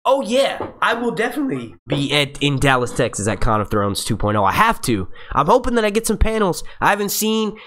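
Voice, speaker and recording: A man in his twenties from the United States hosts a live stream, his voice sounding younger than his age. He rambles with fillers and the odd swear word. His intonation moves lively all over the place. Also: a little high, a little fast, few pauses. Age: 20s. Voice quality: youthful-sounding voice. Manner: rambling and chatty, with many fillers and profanity. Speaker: YouTube channel host reading live chat. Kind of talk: casual live-stream chat.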